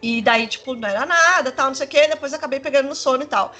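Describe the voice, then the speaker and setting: A woman, telling a personal story in casual chat, rambling and animated with many fillers. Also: sits high, rapid-fire. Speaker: storyteller in a conversation.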